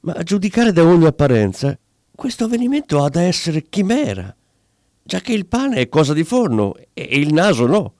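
A man's voice: a little high, sing-song, normal speed, a little mellow, no echo, studio quality, pitched above the performer's own voice. A man voicing a timid barber who stammers and fumbles for excuses. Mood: flustered. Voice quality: hesitant, stammering. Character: timid, flustered middle-aged barber.

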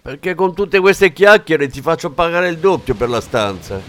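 A man reading an audiobook, voicing a nasty old landlady who yells in a shrill, shouting voice. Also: sing-song, normal speed, clear, resonant tone, no echo, studio quality. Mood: angry.

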